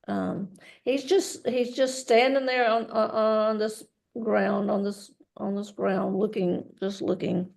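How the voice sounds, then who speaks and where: Woman medium, gravelly voice, halting, repeats words, mid pitch. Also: little pitch movement, a little mellow. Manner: halting, repeats words, relays a spirit's messages. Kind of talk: mediumship reading.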